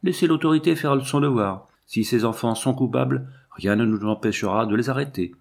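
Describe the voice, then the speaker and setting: A man's voice: mid-range voice, brisk, gravelly, darkish tone. A man reading aloud and voicing a grave, officious country gendarme who questions children. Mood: stern. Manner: grave, interrogating.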